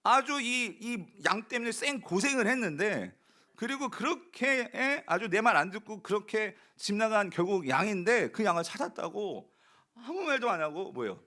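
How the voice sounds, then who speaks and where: A man's voice: sits high, sing-song, normal speed, pushed and bright. A male pastor giving a conversational sermon, telling a story and often asking the congregation questions.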